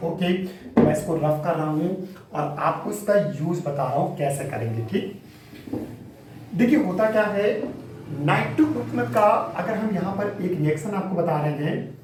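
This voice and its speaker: A man teaching chemistry to students, explaining each step patiently and checking understanding with quick questions. His voice sits a little high and sounds very echoey, picked up from a distance with a faint hum of ambience behind it. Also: darkish tone. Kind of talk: classroom lecture. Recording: echoey room, mic set back, faint ambience.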